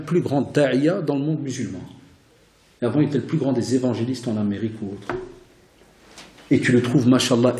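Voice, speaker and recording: Animated man giving a religious lecture. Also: medium pitch. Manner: animated storytelling, sprinkled with Arabic religious phrases. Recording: roomy hall reverb.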